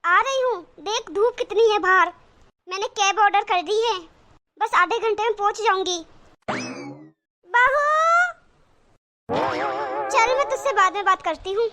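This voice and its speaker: Woman playing a cartoon mother-in-law, older, nagging, self-pitying, very high pitch, sharp bright tone. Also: measured pace, pauses often, exaggerated voice. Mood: sweet. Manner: scolding, complaining, dramatic groans. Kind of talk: cartoon voice acting.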